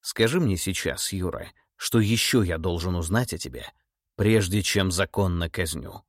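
A man voicing a stern, cold middle-aged tsar in an audiobook, speaking in a measured, menacing, authoritative way. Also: low-pitched, expressive, no room sound, studio quality. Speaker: monarch interrogating a relative. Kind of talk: audiobook character voice.

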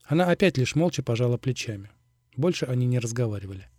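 Dark-voiced male audiobook narrator. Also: medium pitch, quick pace, no room sound, studio quality. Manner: steady, even reading. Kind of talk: scripted narration.

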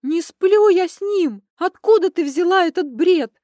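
A flustered young woman, voiced by an audiobook narrator, pleads and protests in a high, strained voice. Her tone stays mellow, and the recording is dry and close. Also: animated, normal speed, no echo. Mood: distraught.

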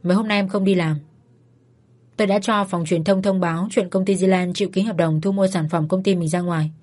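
A woman voicing a calm, patient husband who gently comforts his crying wife. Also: fairly quick. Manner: gentle, patient, low-key.

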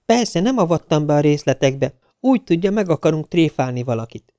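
Egy ravasz, fiatal női bűntárs , ahogy egy férfi felolvasó eljátssza egy hangoskönyvben, a saját hangjánál kissé magasabban. Gyorsan, üzletszerűen beszél, és a hang száraz, visszhangmentes. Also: male voice, on the high side, very animated, mellow, no room sound, voice pushed up. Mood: matter-of-fact. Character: scheming young woman accomplice. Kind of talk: audiobook character voice.

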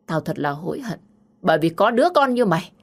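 A woman voicing an angry middle-aged mother who berates her daughter in a shrill, raised voice. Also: very animated, fast. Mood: furious scolding.

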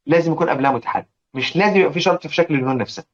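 A man with an Egyptian accent gives a lesson on recitation rules in a fairly high voice. He keeps asking his listeners whether they follow and demonstrates each word aloud. The recording sounds somewhat dull and lo-fi. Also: very fast. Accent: Egyptian Arabic. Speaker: Quran recitation teacher.

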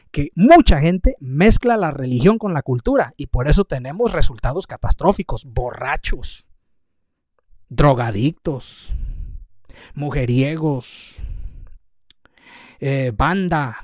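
A man's voice: a little high, darkish tone, dry recording, clean studio sound. Fiery Mexican preacher man scolding. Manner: scolding, emphatic repetition. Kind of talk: fiery livestream sermon.

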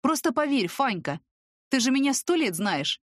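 A woman's voice: sits high, big pitch swings, normal speed, no echo, clean studio sound, voice pushed up. A woman voicing a young male student, a pushy ex-boyfriend who talks insistently and urgently. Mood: pleading.

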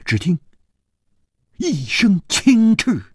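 Lively dramatic male storyteller. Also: drawn-out words, breathy edge, no echo, clean studio sound. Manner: dramatic, highly varied delivery. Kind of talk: Chinese radio storytelling of a martial-arts novel.

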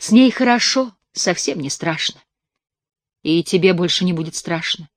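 A woman's voice: lowish voice, lively intonation, normal speed, no echo. A woman reading an audiobook, voicing a cruel little girl with a vampire's hunger who taunts and commands. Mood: taunting, commanding. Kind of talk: audiobook character voice.

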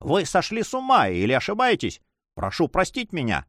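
A man putting on a haughty, higher-voiced nobleman. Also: huge pitch swings, moderate pace, a bit bright, dry recording, studio quality, full character voice. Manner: haughty, cold, impatient. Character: haughty, hurried male nobleman, a spy.

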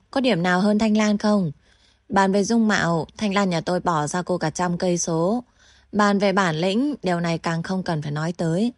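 Sly young woman who mocks her captive and then turns falsely gentle, as a woman reads her in a storybook narration. The voice is low and dry, recorded close. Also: no echo, natural voice. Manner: mocking, teasing, then falsely gentle and coaxing.

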